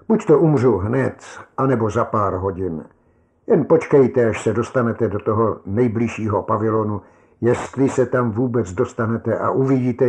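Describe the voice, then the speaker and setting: A man's voice: medium pitch, darkish tone, close to an everyday voice. A man voicing a weary, grim soldier stranded in endless rain, speaking bluntly and with bitter resignation.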